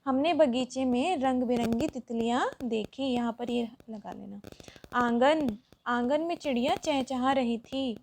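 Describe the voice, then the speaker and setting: Woman, teacher, high voice, patient, step-by-step worksheet lesson for children. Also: unhurried, darkish tone, slight background noise.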